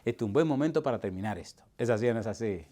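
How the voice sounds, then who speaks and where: A man, a pastor teaching a preaching seminar to a live audience, asking constant call-and-response questions and swinging from loud to hushed. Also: lowish voice, lively intonation, rapid-fire. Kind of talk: lively seminar sermon. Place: church hall with live audience.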